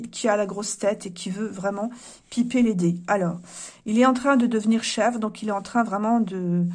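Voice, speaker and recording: A woman giving a chatty, opinionated tarot reading to her viewers, thinking aloud as she goes. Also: medium pitch. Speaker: tarot reader.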